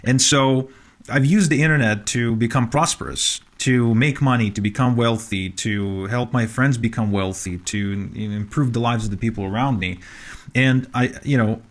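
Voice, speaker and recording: A man's voice: mid-range voice, a bit bright. Earnest man from Ukraine, mid-range voice. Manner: earnest, with frequent fillers and restarts. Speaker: podcast guest, author. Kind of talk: conversational interview.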